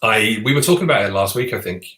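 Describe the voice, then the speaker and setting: Co-hosting a podcast, a man with a low-side, expressive voice and a sharp tone talks fast and enthusiastically about board games. He restarts his sentences a lot, and the recording has a roomy echo.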